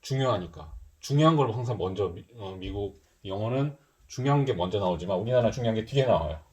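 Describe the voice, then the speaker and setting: A man's voice: fairly low pitch, lively intonation, fast talker, a little mellow. A middle-aged man teaching a middle school math lesson in a casual style, thinking aloud and mixing polite and casual speech. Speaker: math tutor.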